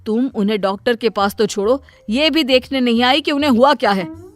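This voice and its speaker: A woman voicing a stern, fed-up middle-aged father in a cartoon story, with soft music behind. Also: fairly high pitch, fairly quick, natural voice. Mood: scolding. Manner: scolding.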